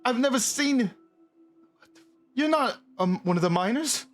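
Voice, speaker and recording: A frightened little boy sobs and pleads in a thin, high, strained voice, as a game master puts him on. The voice cracks into tears and climbs up and down with panic. Faint music plays behind the tabletop session. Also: expressive, moderate pace, natural voice. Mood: scared crying. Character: scared, crying young blonde boy.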